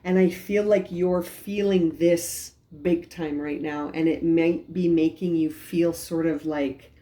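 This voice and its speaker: A woman giving a tarot reading for a star sign, talking gently with many restarts and repeated phrases. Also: low voice, steady tone, takes it slowly. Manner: gentle, repetitive, frequent restarts. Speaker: tarot reader.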